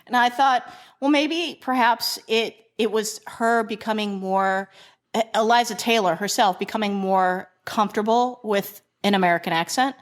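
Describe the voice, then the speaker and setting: A woman co-hosting a podcast in relaxed conversation. She takes a dry, practical tone and chuckles easily between her points. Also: medium pitch, moderate pace. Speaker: podcast co-host. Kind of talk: casual chat.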